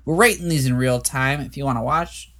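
A man's voice: medium pitch, fairly quick, fairly bright tone. A man hosting a podcast in casual chat, hesitant and often restarting his sentences. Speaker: podcast host.

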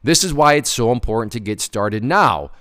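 A man in his thirties hosts an informal, conversational commentary on a personal finance article, reading parts of it aloud. He stresses points emphatically and repeats words. His medium-pitched voice is lively in intonation, pushed and bright, at a normal speed.

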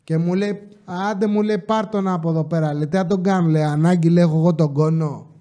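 A man's voice: on the high side, steady tone, mellow. A man casually telling stories from his security job, swearing freely and acting out the people he quotes with exasperation. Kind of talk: casual storytelling monologue.

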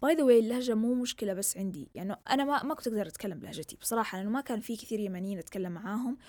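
A young woman from southern Yemen runs a casual solo podcast, speaking very fast in a medium-pitched, darkish voice. Her accent blends Yemeni and Saudi Gulf Arabic, and she rambles chattily while mixing Arabic with English. The recording is dry.

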